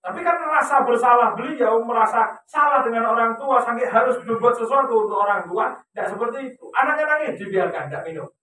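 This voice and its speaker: High-voiced preacher in an echoey hall. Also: male voice, brisk, hardly any pauses. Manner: animated storytelling, asks the audience questions. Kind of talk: Islamic religious talk. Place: religious gathering hall. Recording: echoey hall, distant mic.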